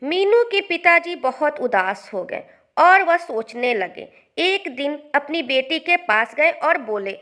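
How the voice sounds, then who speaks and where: Woman storyteller: high voice, bright, calm scripted narration. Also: takes it slowly, few pauses.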